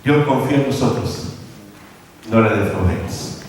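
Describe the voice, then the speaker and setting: A man preaching a sermon as pastor, his voice sweeping up and down in pitch. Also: unhurried, crowd noise. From Chile. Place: large church hall. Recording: echoey church hall, mic far off.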